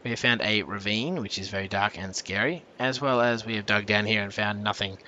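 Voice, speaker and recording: A man's voice: fairly low pitch, a little fast, bright, forceful tone, lo-fi sound, slight background noise. A young man hosting casual gameplay commentary. He rambles with lots of fillers and self-corrections, and breaks into jumpy reactions when danger appears. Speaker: channel host.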